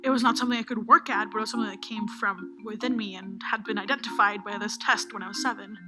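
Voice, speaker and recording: Fast-talking woman recalling over music. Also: medium pitch, steady tone. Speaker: interviewee. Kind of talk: casual interview answers. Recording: interview clip with music underneath.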